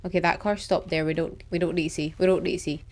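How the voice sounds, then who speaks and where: A woman's voice: on the low side, level tone, fast talker. A young woman streaming herself playing a horror game, chattering nervously to herself with yelps and gasps. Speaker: gaming streamer. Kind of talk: horror game let's play commentary.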